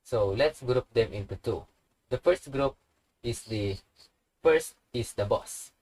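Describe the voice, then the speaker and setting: A man's voice: medium pitch, slow, darkish tone, poor audio. A man teaching a language lesson, patiently repeating each example word. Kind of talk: slow instructional tutorial.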